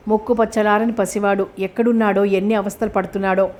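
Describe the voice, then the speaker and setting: A woman narrating a suspense novel for an audiobook. Her delivery is steady and dramatic. Her voice sits at a middle pitch. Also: fast.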